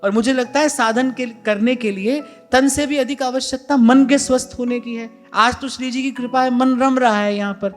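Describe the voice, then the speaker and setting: A man, a spiritual teacher, giving a devotional discourse in an earnest way. He repeats key phrases for emphasis and speaks to his listeners as brothers. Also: very high voice. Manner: addresses listeners directly as "brother". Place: ashram hall.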